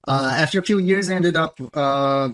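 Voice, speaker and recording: A chief technology officer with a Brazilian Portuguese accent joins a casual conversational interview by video call from a small home office indoors. His fairly high, fairly bright voice comes at a moderate pace with no room sound. He's candid and blunt, with loose non-native phrasing.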